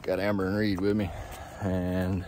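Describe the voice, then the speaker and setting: A man in his thirties, a trapper, talking casually and excitedly to a phone held at arm's length while walking through coastal marsh and beach. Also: deep voice, measured pace, low-quality recording. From South Carolina. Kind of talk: casual outdoor vlog. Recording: outdoor wind and ambient noise.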